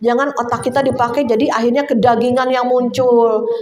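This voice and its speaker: A woman's voice: a little high, level tone, a little fast. An older woman giving a sermon, telling stories in a conversational, emotional way and laughing now and then. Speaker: preacher. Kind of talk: sermon testimony. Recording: faint music behind. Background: soft instrumental music.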